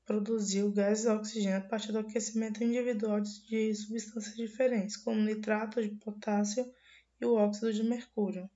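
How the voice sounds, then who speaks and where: Reading from slides in a class presentation, this young adult student speaks steadily in a mid-range voice made hoarse by a cold, though it stays dark and mellow. Her delivery is flat and even, with frequent restarts on words, and the lo-fi audio comes across dull.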